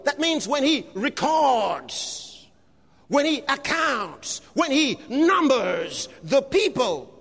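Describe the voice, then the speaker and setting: A man preaching a fervent sermon, reading scripture aloud, calling out to the congregation and shouting refrains, at times slipping into speaking in tongues. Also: extremely high pitch. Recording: long hall reverb.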